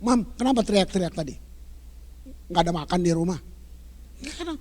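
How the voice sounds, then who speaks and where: Guy preaching, pretty high voice, punchy, repeats stuff, goes loud then quiet. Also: brisk. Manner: lively, emphatic, shifts from loud to hushed; repeats words for emphasis. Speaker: pastor. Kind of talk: sermon.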